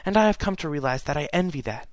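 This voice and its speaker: A man's voice: a little high, lively intonation, quick pace, no room sound, lightly acted. A man voicing a regal, sorrowful immortal pony princess, reading her letter in a solemn, earnest way. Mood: solemn, wistful. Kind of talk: fan fiction reading.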